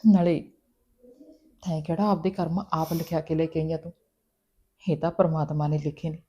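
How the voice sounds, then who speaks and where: An actress playing a middle-aged mother who is soft and consoling one moment and loudly scolding the next. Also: medium pitch, lively intonation, moderate pace, lightly acted. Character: stern but caring middle-aged village mother. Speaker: mother and sister-in-law. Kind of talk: Punjabi family drama acting.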